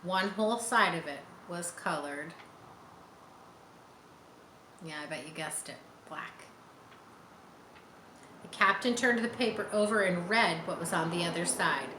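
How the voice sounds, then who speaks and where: In a lowish voice at a moderate pace, a woman in her forties reads a children's book aloud with drama, slipping in explanations for young listeners. She's a storyteller in a bright room by large windows, captured by a camera a short distance away, and the recording is roomy with some background noise.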